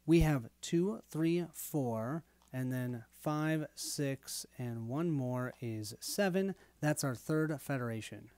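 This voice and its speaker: A man with a hoarse, tired late-night voice hosting a casual walkthrough of a tabletop game. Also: mid-range voice, slow pace, a little mellow. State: hoarse, lost his voice. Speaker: host of a board game playthrough.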